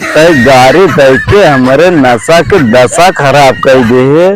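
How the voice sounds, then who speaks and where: Man playing a slow, rambling Awadhi village drunk. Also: mid-range voice, close to an everyday voice. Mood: boastful, threatening. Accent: Awadhi, eastern Uttar Pradesh. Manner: drunken, rambling, drawn-out town drunk talk. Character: swaggering, maudlin male village drunk, boastful and quarrelsome. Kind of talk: comedy sketch monologue.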